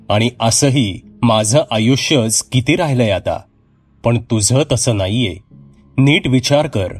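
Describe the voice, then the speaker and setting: A man's voice: mid-range voice, husky. A man voicing an older village mother who speaks in a weary, tender way and breaks into alarmed cries.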